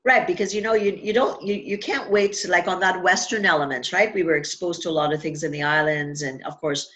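A woman's voice: fairly low pitch, steady tone, fairly quick, a bit bright, slight background noise. Chatty woman hosting an interview. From Trinidad and Tobago. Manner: chatty, many fillers and restarts. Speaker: podcast host. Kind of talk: casual interview chat.

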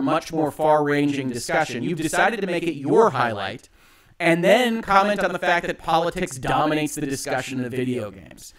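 Higher-pitched man, emphatic commentary, echoing stream. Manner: emphatic, argumentative, deliberate phrasing. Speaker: host of an online commentary show. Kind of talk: opinion commentary on a livestream. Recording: echoing livestream audio.

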